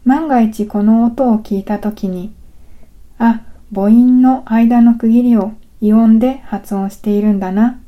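Woman teacher, scripted pronunciation lesson, unhurried delivery, a bit high. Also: narrow, tinny audio. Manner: calm, deliberate explaining. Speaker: language teacher.

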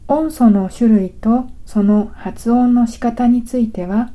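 A woman teaching a language lesson in a careful, scripted narration, slowly explaining sounds step by step. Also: a little high, mellow. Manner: slow, careful, deliberate explanation.

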